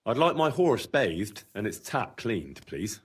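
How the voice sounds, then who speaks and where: A man's voice: on the low side, big pitch swings, slow pace, slightly rough, heavily acted. A male actor playing a confident young medieval adventurer in a video game, courteous but secretive, speaking politely and with purpose. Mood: businesslike.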